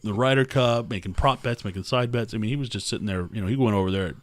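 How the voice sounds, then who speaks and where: Rambling man, low voice, dry sound. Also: fast talker, dry recording. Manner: rambling storyteller, laughs at his own tales. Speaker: podcast host. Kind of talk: casual chat between drinking friends.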